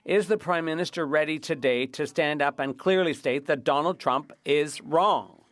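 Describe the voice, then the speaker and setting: A man interpreting formal parliamentary debate live, in somewhat halting phrases. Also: a little high, fairly bright tone, dry recording.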